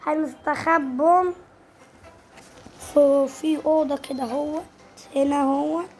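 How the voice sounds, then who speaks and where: A woman with an Egyptian Arabic accent giving casual, excitable gameplay commentary, breaking into sudden squealing exclamations. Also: high voice, a little slow. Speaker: gaming channel host.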